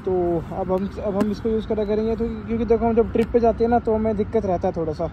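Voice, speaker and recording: A young Indian man in his 20s, a motovlogger with a high voice, chats casually to camera while riding a motorbike through city streets and later inside a small helmet shop. He talks fast with fairly even intonation. The audio is dull, with noisy street sounds, traffic, and vehicle noise behind him.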